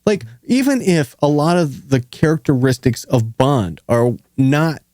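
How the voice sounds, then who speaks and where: A man with a slightly high voice hosts a casual, sweary podcast. He rambles in an excitable, opinionated way, recorded dry and close. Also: a little slow, no echo. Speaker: podcast host. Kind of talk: casual, profane podcast chat.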